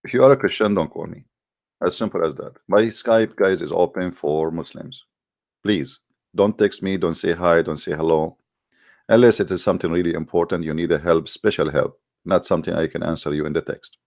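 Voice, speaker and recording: Hosting a live call-in debate program in English, an Arabic-speaking man sounds hesitant but pushes back on callers, using many fillers. His voice is low, gravelly, a little mellow, and slightly fast, recorded in studio quality without echo.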